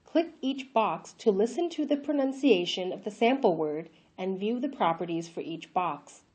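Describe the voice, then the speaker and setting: A woman giving a clear, listed summary in a scripted language lesson. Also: mid-range voice, expressive, moderate pace, darkish tone. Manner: clear, enumerating summary delivery. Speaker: language instructor. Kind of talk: scripted narration.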